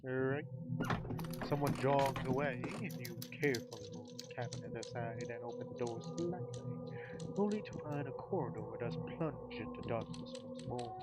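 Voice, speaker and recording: A man's voice: mid-range voice, normal speed, poor audio. Man casually reading a mystery game aloud. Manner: swears offhandedly, muttered asides.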